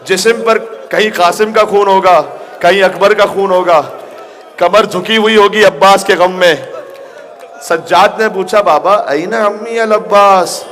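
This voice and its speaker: A high-pitched male cleric delivers an impassioned mourning sermon, his voice swelling toward cries at its peaks. Faint noise from the gathering sits beneath him. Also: fairly even intonation. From Pakistan. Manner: emotional, rising to near shouts.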